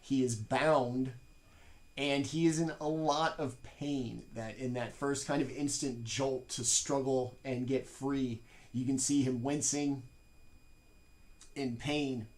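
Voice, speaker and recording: A man narrating a tabletop game as game master, describing scenes in a relaxed way. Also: mid-range voice, takes it slowly.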